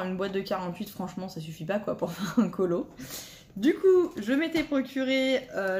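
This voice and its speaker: A woman's voice: medium pitch, slight background noise. A woman vlogger casually presenting her coloring pencils, hesitant, with many fillers and restarts, and a self-deprecating manner. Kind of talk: casual chat showing art supplies.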